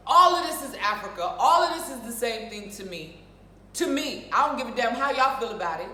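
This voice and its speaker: This co-host from the United States speaks her mind emphatically in casual opinionated chat, hammering points by repeating phrases. Her voice runs on the high side, bright and forceful, with lively intonation and a brisk pace, and the recording has roomy echo, a distant mic, and faint noise.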